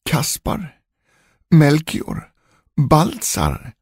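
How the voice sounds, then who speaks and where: A man's voice: fairly high pitch, huge pitch swings, darkish tone, husky, dry recording, clean studio sound, pitched above the performer's own voice, exaggerated voice. A man reading a storybook, voicing a desperate young queen who pleads and guesses. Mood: pleading. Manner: pleading, imploring.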